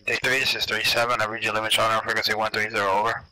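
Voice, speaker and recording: A man's voice: on the low side, flat delivery, racing, pushed and bright, low-quality recording. A man speaking over an in-game radio transmission, with clipped, formal radio procedure and call signs, as a player in a military co-op game. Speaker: player in a military sim unit. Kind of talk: radio procedure during co-op gameplay.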